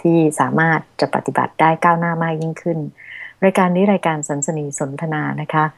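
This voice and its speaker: A middle-aged woman hosting a Buddhist radio talk show, speaking politely and gently. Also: sits low, fairly even intonation, brisk, gravelly, no echo. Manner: polite, gentle, deferential to the monk. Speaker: radio host. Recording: dry studio radio sound.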